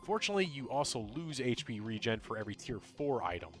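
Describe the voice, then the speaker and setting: A man streaming a video game, chatting casually with viewers; he talks fast, mumbles and rambles with lots of ums and uhs. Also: mid-range voice, sing-song, a bit bright. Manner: tends to mumble and talk fast.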